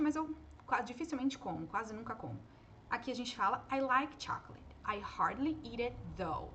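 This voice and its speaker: A woman's voice: medium pitch, a bit bright, slight background noise. Patient woman teaching pronunciation live. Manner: patient, explains slowly and models words aloud. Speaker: English teacher. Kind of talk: live online pronunciation lesson.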